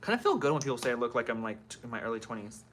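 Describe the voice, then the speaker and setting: This thirtysomething livestream host talks casually from home, naming commenters as she works on her makeup. Her pitch is extremely low, her delivery sing-song and racing, and a little hiss or hum runs underneath.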